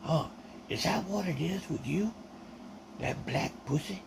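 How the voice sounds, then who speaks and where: A man's voice: on the high side, animated, measured pace, creaky, background noise, voice pushed up, exaggerated voice. A man voicing a crude, taunting male airman from Kentucky who goads and leers. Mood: leering.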